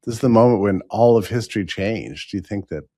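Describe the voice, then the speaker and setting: A deep-voiced man with a slightly husky tone tells the story as a host's commentary. His pitch moves a lot as he questions what happened. The sound is dry and close. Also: a little fast, dark tone, no room sound. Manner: musing, questioning, incredulous retelling. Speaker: show host. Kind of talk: commentary on past events.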